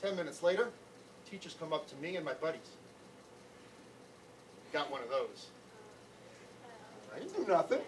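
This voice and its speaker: A man's voice: on the high side, moderate pace, pauses often. Man telling a story from afar. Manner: animated, conversational, full of "like". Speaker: anti-bullying educator. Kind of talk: personal storytelling to children. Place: classroom or school hall. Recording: distant mic, faint room noise.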